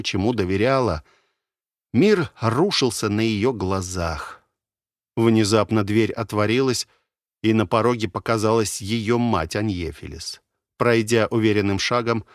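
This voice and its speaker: Low-voiced male audiobook narrator. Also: dry recording, clean studio sound.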